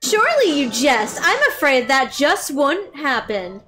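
A woman's voice: high-pitched, big pitch swings, measured pace, sharp tone, soft background music, heavily acted. A woman voicing a sadistic, theatrical female villain in a horror game, mocking and grand. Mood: gleeful. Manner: grand, mocking, relishing cruelty. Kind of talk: reading game dialogue aloud on stream.

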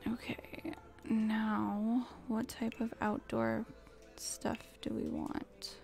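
A woman's voice: a little high, sing-song, drawn-out words, gravelly, darkish tone, whispered, soft background music. A woman streaming a building game, muttering to herself in casual, frustrated commentary.

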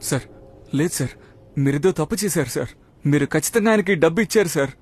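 A man's voice: a little high, lively intonation, fast talker, darkish tone, slight background noise. An actor playing a young male PT master who respectfully but firmly presses his boss for answers. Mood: insistent. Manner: insistent, pleading, repeats "sir". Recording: film soundtrack with music.

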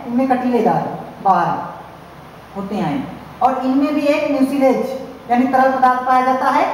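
A woman teacher with a Hindi-speaking North Indian accent giving a classroom science lecture, explaining with many repeated fillers and restarts. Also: high voice. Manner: repetitive, filler-heavy explaining with frequent restarts. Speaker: college teacher. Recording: very echoey hall, faint hiss.

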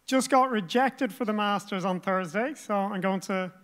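A woman's voice: mid-range voice, moderate pace. A young woman, a postgraduate student, briefly introducing herself. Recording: reverberant hall.

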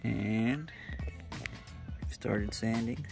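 Out on the water on his sailboat, a man in his forties narrates a laid-back vlog straight to the camera, with music playing underneath. His gravelly, low-leaning voice moves at an extremely slow pace.

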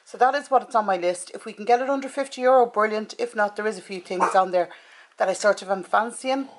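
Talking fast at a medium pitch, this Irish vlogger in her forties chats casually and plainly about shopping. She's filmed in her home kitchen and in a car, with clicks and clear background noise audible.

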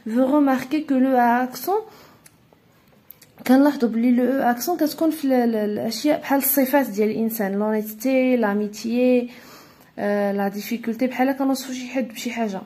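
A woman teacher with a Moroccan accent, walking through a primary school lesson and repeating words slowly for her pupils. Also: on the high side, dark tone. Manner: switches between Moroccan Arabic and French, repeats words slowly. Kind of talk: classroom lesson walkthrough.

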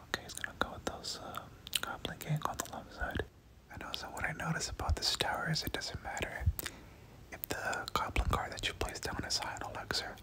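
A gaming video host whispers casual, slangy ASMR play-by-play commentary into a close mic. The breathy, unvoiced delivery often repeats little words and phrases, and the pace is brisk with a rough recording quality.

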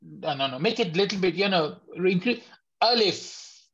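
A man teaches a beginners' lesson over an online call, and his voice comes through a little dull and lo-fi. He is patient, repeats each sound slowly, and gently corrects his students as they go. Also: sits high, animated, gravelly, husky. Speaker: Tajweed teacher. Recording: slightly dull lo-fi audio.

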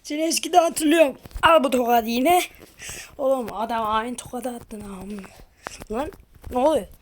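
A woman's voice: high-pitched, normal speed, a little hiss or hum. A Turkish woman doing an amateur comic cartoon dub, putting on slangy, exclamatory character voices.

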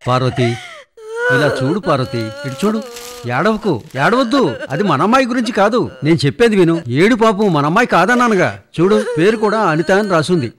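An actor playing a worried middle-aged father who pleads with his crying wife to calm down. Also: brisk. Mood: pleading. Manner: pleading, soothing, lively pitch.

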